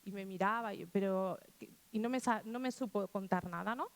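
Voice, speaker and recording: A woman's voice: medium pitch, moderate pace. A woman from Spain speaking to teachers in a conversational talk, often acting out quotes from children and restarting her sentences. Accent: Spanish.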